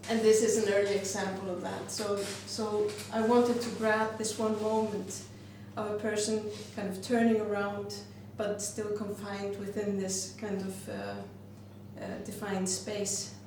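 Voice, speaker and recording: A woman's voice: mid-range voice, little pitch movement, a little slow, few pauses. A woman, a glass artist presenting her work in a reflective way, often stopping to search for words. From Iceland. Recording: very roomy, distant mic, noisy background.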